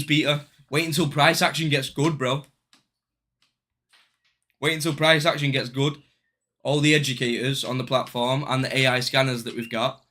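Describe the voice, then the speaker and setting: A young man on a live day-trading stream chats casually, bantering with viewers in slang and swearing. His mid-range voice sounds pushed and bright.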